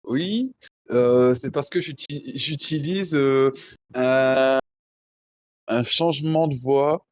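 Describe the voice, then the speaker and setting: Un homme qui plaisante en discussion vocale, la voix passée par une application de changement de voix, parlant de façon hésitante avec des faux départs. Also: male voice, mid-range voice, darkish tone, dry recording, muffled recording. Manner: hesitant, halting, joking. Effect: voice changer app altering his voice. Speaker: friend joining a stream's voice chat. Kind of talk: casual banter. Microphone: voice chat microphone.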